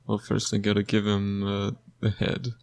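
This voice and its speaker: A man's voice: lowish voice, completely flat delivery, moderate pace, creaky. A man in his twenties co-hosting a casual chat while drawing, laid-back with dry jokes. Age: 20s. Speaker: co-host.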